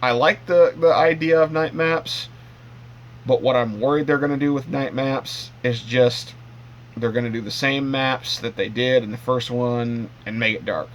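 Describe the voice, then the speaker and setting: A man talks through his thoughts in a relaxed vlog. He rambles, often restarting sentences and filling gaps with "um." His pitch sits mid-range, and a faint hum runs under the recording. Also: normal speed. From Canada. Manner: rambling, with many ums and restarts. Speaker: vlogger. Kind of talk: casual monologue.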